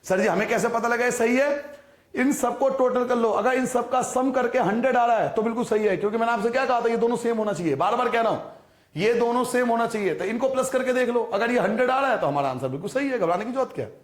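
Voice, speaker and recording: A male maths teacher with a high, light voice talks his class through each step, repeating numbers and checking that they follow. He asks questions and answers them himself. The sound echoes around the room. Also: fast. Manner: patient, repetitive explaining, addresses students as beta; rhetorical questions to students. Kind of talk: recorded classroom lesson.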